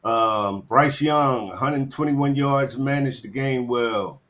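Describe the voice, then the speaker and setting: A man's voice: medium pitch, takes it slowly, fairly bright tone. A man giving game stats on a sports talk show, speaking hesitantly with many ums and uhs.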